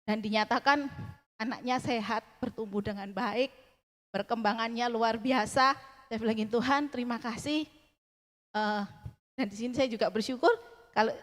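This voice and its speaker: A young woman giving a personal testimony at church, earnest and halting, with many fillers and restarts. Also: on the high side. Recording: long reverb of a large hall.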